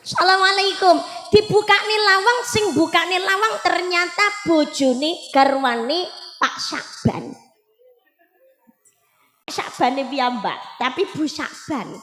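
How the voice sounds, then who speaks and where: High-voiced Javanese woman preacher, echoey hall. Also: slow, soft background music. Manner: lively storyteller voicing the people in her tale. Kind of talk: humorous storytelling sermon. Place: live religious gathering. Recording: echoey hall with long reverb.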